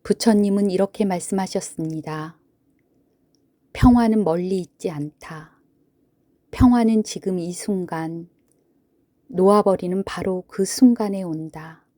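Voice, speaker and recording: Slow, soothing woman narrating for sleep. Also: lowish voice, no room sound. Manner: soothing, gentle, hushed, with long pauses. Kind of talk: sleep story narration, guided Buddhist relaxation.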